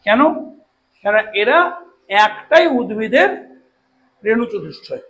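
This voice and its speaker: A man teaching a classroom biology lesson, slowly spelling out long terms and often checking that students follow. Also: high voice, very animated, vocal fry, a bit bright, slight background noise, rough recording. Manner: slow deliberate spelling out of terms, frequent check-ins. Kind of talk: classroom lecture.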